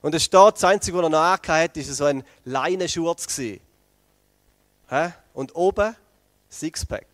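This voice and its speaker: Animated preacher man. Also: on the high side, normal speed, dry recording. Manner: animated storytelling, addresses the congregation directly. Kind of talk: lively sermon.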